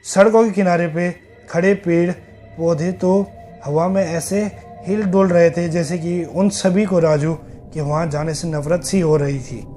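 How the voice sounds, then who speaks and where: A man narrating a horror story in a slow, suspenseful telling. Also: high voice, steady tone, warm tone, soft background music.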